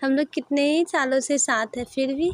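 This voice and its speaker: A woman's voice: sits high, moderate pace, dry recording, close to an everyday voice. Woman voicing a cheeky selfish young man. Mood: teasing. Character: teasing selfish young man, quick with comebacks.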